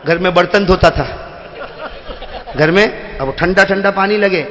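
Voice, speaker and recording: In a large hall with long, echoing reverb, a male preacher gives a humorous sermon to a seated gathering. His voice is high-pitched, steady and fairly bright, and he jokes, teases listeners by name and calls out to the crowd.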